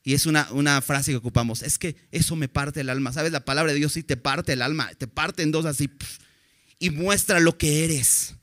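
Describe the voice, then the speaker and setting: A man's voice: on the high side, normal speed, a bit bright. A man preaching a sermon in an earnest, direct way, often putting questions to his listeners.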